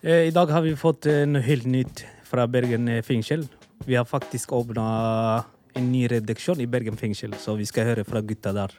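A man's voice: mid-range voice, steady tone, darkish tone. A man co-hosting a radio show, chatting casually in the studio. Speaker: radio co-host. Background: music bed with drums.

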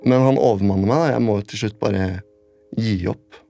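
A man with a low, gravelly voice recounts his story for a radio documentary. He talks haltingly, repeats himself and chains his clauses together one after another. Soft music plays faintly behind him. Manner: halting, repetitive, strings clauses together with "and then". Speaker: interviewee recounting a personal event. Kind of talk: spoken recollection in a radio documentary.

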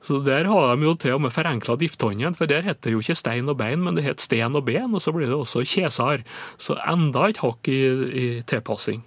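On the radio, a man serving as a dialect expert answers listener questions in a measured, explanatory way, pausing often. His mid-range voice is husky, and there's no echo.

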